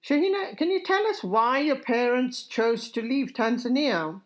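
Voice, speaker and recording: A woman hosts a podcast interview and asks gently probing questions. Her voice has a noticeable room echo around it. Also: fairly high pitch, expressive, normal speed. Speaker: podcast host. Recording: roomy echoey audio.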